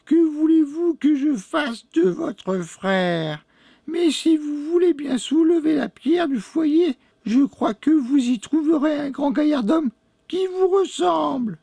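A man's voice: extremely high pitch, lively intonation, vocal fry, dark tone, dry recording, studio quality, voice pushed up, exaggerated voice. A man voicing a sly, limping old witch woman with a sugary, wheedling manner in a storybook reading. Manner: honeyed, wheedling, drawn-out moans. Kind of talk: storybook read-aloud.

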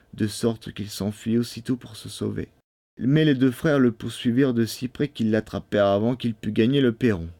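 A man narrating a fairy tale for children in an expressive storybook reading. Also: fairly low pitch, dry recording. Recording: dry studio sound.

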